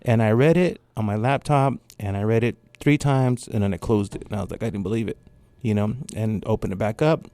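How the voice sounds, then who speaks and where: A man's voice: lowish voice, a little fast, no echo. A man from California's San Joaquin Valley, a guest artist telling stories in a casual interview and acting out the people he quotes. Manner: animated storyteller, acts out the people he quotes.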